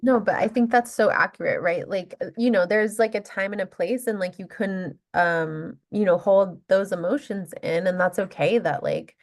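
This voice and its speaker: A woman's voice: medium pitch, moderate pace, hardly any pauses. A woman in her thirties, a guest in a casual interview, talking openly and reflectively with lots of fillers.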